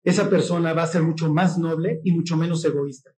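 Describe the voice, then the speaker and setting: A man with a Mexican accent preaching a sermon in a lively, joking way, often acting out the voices of the people in his stories. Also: fairly high pitch, brisk. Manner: mimics voices in quotes. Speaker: pastor.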